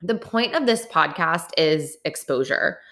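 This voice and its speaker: A woman in her late twenties delivers a solo podcast monologue, speaking earnestly and candidly with some restarts. Her voice is low-pitched, gravelly, and fairly bright in tone, expressive, and a little slow.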